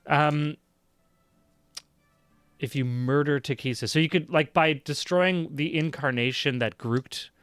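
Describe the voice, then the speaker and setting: A man running a tabletop game as game master, explaining rules and story in a measured way with frequent fillers. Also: on the high side, a bit bright, clear, resonant tone, no room sound, faint music behind. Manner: measured, thinking aloud with fillers.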